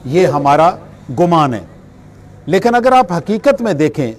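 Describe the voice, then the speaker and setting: A middle-aged man delivers a spiritual lecture in a high-pitched voice. He works through everyday examples and poses questions that he then answers himself. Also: a little mellow. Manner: explains with everyday examples, asks and answers his own questions. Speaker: religious speaker.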